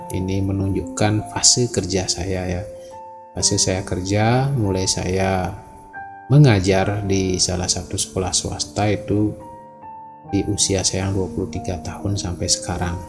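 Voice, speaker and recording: A teacher in his forties from Bali speaking slowly with pauses, giving a reflective presentation. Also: sits low, steady tone, over music. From Bali, Indonesia. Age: 40s. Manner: slow, measured, with pauses and fillers.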